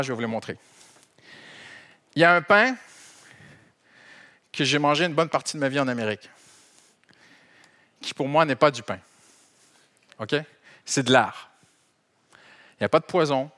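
A middle-aged Canadian French pastor preaches a sermon to his congregation. He talks in an animated, conversational way. He slips humor and small repetitions in among his points. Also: medium pitch. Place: church hall.

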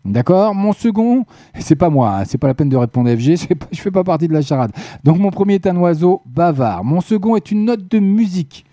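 A man hosting a live evening radio show, chatty and joking with listeners, his voice going hoarse. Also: high voice, big pitch swings, fairly quick, mellow, no echo. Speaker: radio host. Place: radio studio.

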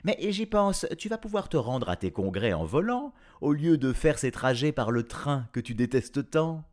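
A man's voice: mid-range voice, big pitch swings, normal speed, a little mellow, voice pushed up, close to an everyday voice. A man putting on a cheerful wife's voice. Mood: eager. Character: cheerful practical wife, middle-aged woman.

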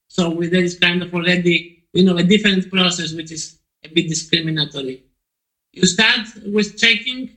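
High, bright-voiced man from Poland. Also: poor audio. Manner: hesitant, frequent restarts and fillers. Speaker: podcast guest. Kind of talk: conversational interview answers.

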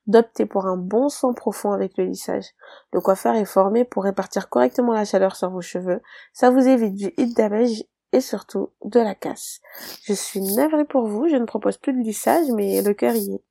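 Gravelly-voiced woman giving hair advice. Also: medium pitch, normal speed, warm tone, no echo. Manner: direct, pleading, with emphatic repeats. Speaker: hairdresser and podcast host. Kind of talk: solo podcast advice monologue.

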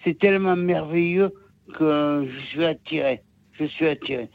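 A man in his sixties with a southern French accent rambles over a tinny phone line. His voice is gravelly and sits fairly high for a man. He keeps circling back and repeating his points in a halting way. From Nîmes, southern France. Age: 60s. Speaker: caller. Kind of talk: call-in radio chat. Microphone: telephone.

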